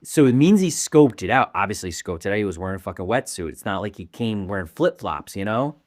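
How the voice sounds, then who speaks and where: A man with a fairly low voice co-hosts a laid-back chat podcast. He rambles and restarts his sentences and swears casually as he talks things over. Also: animated, fast, no room sound, studio quality. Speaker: podcast co-host.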